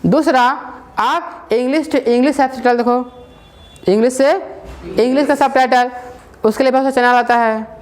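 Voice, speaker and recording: A woman's voice: high voice, fairly even intonation, normal speed, long pauses, a little mellow. Woman teaching spoken English casually. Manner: repetitive, checks with listeners, mixes English words into Hindi.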